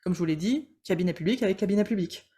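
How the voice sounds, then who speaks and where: A woman coach hosting a casual live teaching session, joking with viewers, calling them by name, and talking in quick bursts full of restarts. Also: mid-range voice, mellow.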